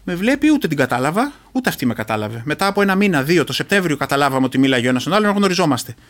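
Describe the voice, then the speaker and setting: Speaking with a slightly high, very animated voice, a middle-aged man from Greece recounts something that happened to him. He's an interview guest who served as a reserve commando, and his earnest telling stops and restarts haltingly.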